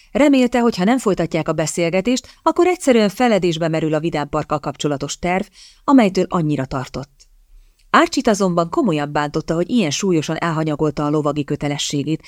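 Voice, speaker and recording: A woman narrating a novel in an even, measured audiobook reading. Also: fairly low pitch, no room sound, studio quality.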